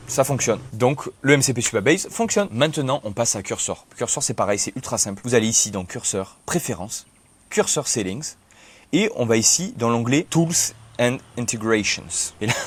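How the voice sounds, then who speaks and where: A young man casually explaining software setup step by step in a tutorial video. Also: lowish voice. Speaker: tech tutorial host. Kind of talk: screen-recorded software tutorial.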